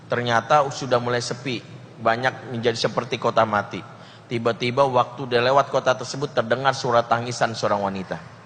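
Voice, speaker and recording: A man preaching a storytelling sermon, animated and dropping slangy jokes between tales. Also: mid-range voice, brisk, a little hiss or hum. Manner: animated, joking asides in slang. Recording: reverberant hall.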